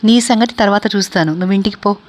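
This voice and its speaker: A woman's voice: mid-range voice, fast talker, lightly acted. A woman voicing a troubled male landlord. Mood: stern.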